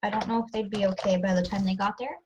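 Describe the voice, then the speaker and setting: A woman's voice: mid-range voice, fairly even intonation, fast talker, noisy background. A woman with a stuffy, runny nose chatting casually with a friend, giggling often. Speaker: friend keeping the streamer company. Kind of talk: casual chat.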